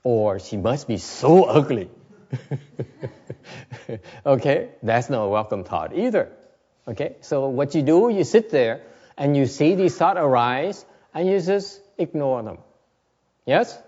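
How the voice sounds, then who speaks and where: A man's voice: medium pitch, big pitch swings, takes it slowly, warm tone, highs cut off. A man teaching Zen meditation in a dharma talk at a temple, repeating each point in two languages with chuckling asides. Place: temple Buddha hall.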